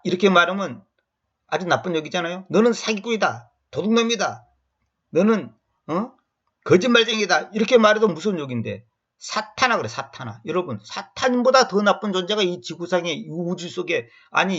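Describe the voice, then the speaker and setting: A man giving an expository Bible lecture in an emphatic way, repeating words and acting out quotes with sudden jumps in pitch. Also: fairly bright tone, slightly rough, dull audio. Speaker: Bible teacher.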